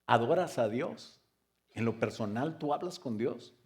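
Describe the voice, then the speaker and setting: A man preaching a sermon as pastor, firing rhetorical questions and joking asides, now loud and emphatic, now quiet. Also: medium pitch, lively intonation, measured pace. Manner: swings between loud emphatic stress and soft quiet stretches.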